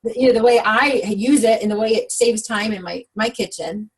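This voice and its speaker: A woman's voice: a little high, moderate pace, breathy edge, rough recording. A woman leads a team training talk in an upbeat coaching manner, often putting questions to her listeners. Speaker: sales team director.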